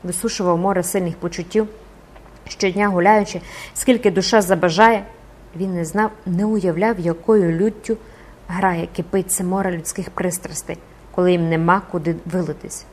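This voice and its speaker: A woman narrating a classic novel as an audiobook in a measured, expressive reading voice. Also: lowish voice.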